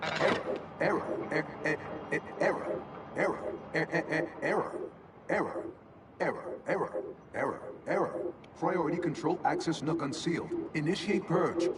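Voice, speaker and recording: A man voicing a malfunctioning corporate archive AI that stutters and repeats syllables as it glitches, speaking in a grandiose sales pitch. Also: moderate pace, distant mic, natural voice. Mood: glitching. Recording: game audio over loud ambient noise.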